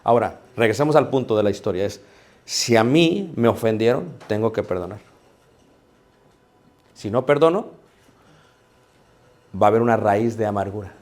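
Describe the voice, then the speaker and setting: A man's voice: on the low side, expressive, normal speed, long pauses, darkish tone. A man preaching a sermon in a conversational way, firing rhetorical questions at the congregation and calling them brothers. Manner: repeatedly addresses listeners as brothers.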